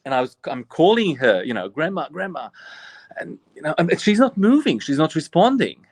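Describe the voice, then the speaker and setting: A man's voice: fairly high pitch, big pitch swings, normal speed, no room sound. A man of about forty, from Bosnia, an Orthodox priest telling his story earnestly as a guest, often restarting his sentences. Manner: earnest and reflective, frequent restarts. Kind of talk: personal storytelling in interview.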